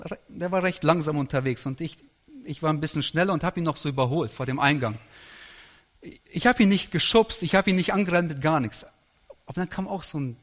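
A middle-aged male pastor preaching a sermon, telling stories with quoted dialogue in a lively anecdotal way. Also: mid-range voice. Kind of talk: sermon storytelling. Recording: long hall reverb.

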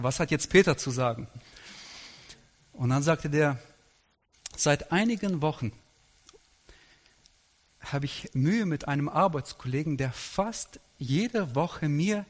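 Middle-aged male pastor, slightly high voice, storytelling sermon, long hall reverb. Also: unhurried, long pauses. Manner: lively anecdotal preaching with quoted dialogue.

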